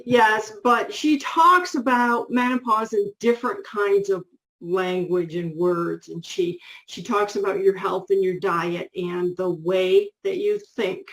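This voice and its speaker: A woman's voice: medium pitch, fairly even intonation, takes it slowly, a bit bright, rough recording. A middle-aged woman co-hosting a casual show about books, chatty and full of restarts and asides. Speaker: co-host.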